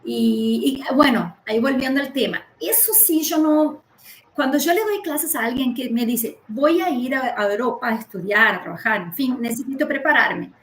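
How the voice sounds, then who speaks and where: A woman's voice: high-pitched, lively intonation, moderate pace, fairly bright tone, reverberant, a little hiss or hum. A woman from Uruguay with a Uruguayan Spanish accent, a language teacher talking casually and animatedly, laughing often and jumping between topics. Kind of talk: casual conversation.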